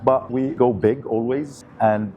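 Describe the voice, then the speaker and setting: A man speaking as an event official about big ambitions, slightly halting. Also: medium pitch, fairly even intonation, narrow, tinny audio, over music. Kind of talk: interview answer.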